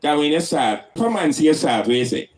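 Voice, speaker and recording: A man's voice: a little high, very animated, a little fast, darkish tone. A man with a Jamaican accent speaking in Rastafarian style, preaching and teaching emphatically with rhetorical questions and Rastafari idioms.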